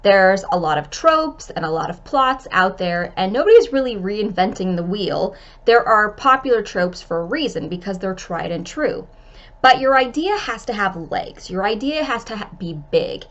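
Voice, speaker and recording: A woman's voice: mid-range voice, animated, normal speed, dull audio. Stuffed-up woman with a scratchy throat. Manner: friendly, talks straight to camera. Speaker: author giving writing advice. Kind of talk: vlog-style tutorial.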